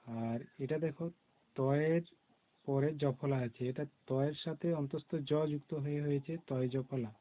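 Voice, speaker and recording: Man, children's reading lesson, slow patient explaining, thin narrow sound. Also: medium pitch, fairly even intonation. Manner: slow, patient, spelling out letters one by one. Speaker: primary school teacher. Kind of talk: classroom lesson on conjunct letters. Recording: tinny phone-like recording.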